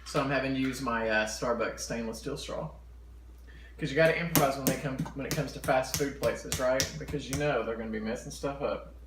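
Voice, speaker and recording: A man with a mid-pitched voice chats casually to viewers as he eats, chewing while talking. He is in his kitchen, which sounds roomy and echoey, with some faint noise behind him. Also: a little fast. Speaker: mukbang vlogger. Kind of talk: casual eating-show chat to camera. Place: home kitchen. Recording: echoey room with background noise.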